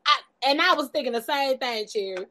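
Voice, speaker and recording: A woman's voice: high voice, animated, fairly quick, pushed and bright, poor audio. A woman in her forties hosting a casual interview, outspoken and joking, laughing often. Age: 40s. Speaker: host.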